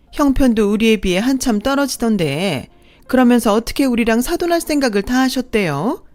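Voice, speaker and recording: A woman voicing a brash, boastful mistress who acts like the mother-in-law, in a sneering, shrill manner. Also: a little mellow.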